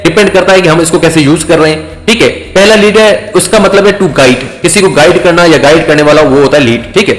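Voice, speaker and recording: A man giving an English vocabulary lecture, explaining slowly with many fillers and check-ins. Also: high-pitched, a bit bright. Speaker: English teacher. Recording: echoey room with faint music.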